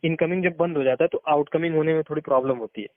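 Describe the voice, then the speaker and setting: In a muffled narrowband phone recording with no echo, a man with a slightly high voice rattles off advice rapid-fire. Once an experienced network marketer, he keeps it casual but emphatic, explaining and repeating himself for stress.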